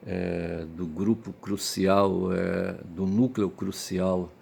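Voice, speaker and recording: Hungover man for casual rambling commentary; deep, creaky voice, halting delivery. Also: level tone, darkish tone, slight background noise. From Brazil. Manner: halting, repeatedly checks with tag questions. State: hungover, tired. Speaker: vlogger giving commentary.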